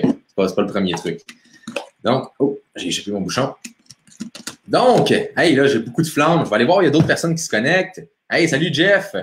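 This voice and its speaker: A chatty young man with a Quebec French accent hosts a casual live stream, greeting viewers by name and laughing easily. His mid-pitched voice swings up and down with lots of life. The sound carries a roomy echo. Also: slight background noise. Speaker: motivation coach hosting a live stream. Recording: echoey room.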